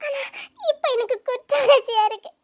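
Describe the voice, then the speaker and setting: A woman plays a young wife in a drama, crying and ashamed, her very high voice breaking between sobs and strained little laughs. She speaks with a quiet, self-denying hurt. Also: steady tone, brisk. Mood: tearful. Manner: tearful, broken, half-laughing through sobs.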